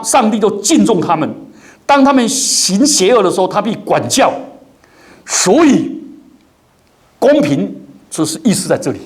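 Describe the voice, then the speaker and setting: A male pastor delivers a sermon in church, his voice pitched high for a man. His intonation swings widely, and he acts out the people in his stories. He drops English words into his preaching. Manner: animated, acts out quoted people with big pitch jumps. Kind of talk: expository sermon.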